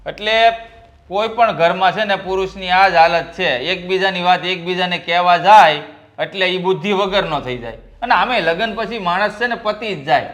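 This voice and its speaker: A good-humoured husband in a family drama. He teases his wife with a joking edge. His voice sits fairly high for a man. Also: normal speed, fairly bright tone. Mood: teasing. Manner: joking, teasing. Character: teasing middle-aged husband, good-humoured.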